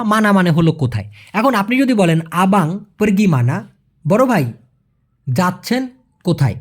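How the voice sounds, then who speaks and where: Man explaining a lesson, lively pitch. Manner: explains patiently, repeats phrases slowly, asks "clear?". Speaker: language teacher. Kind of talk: casual spoken language lesson.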